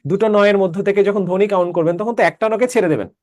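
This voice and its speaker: A man with a high voice teaches a class. He explains patiently step by step and keeps asking whether students follow. The sound is close and dry. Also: rapid-fire, darkish tone, no echo. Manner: explains step by step, checks understanding with questions. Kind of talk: online class lecture.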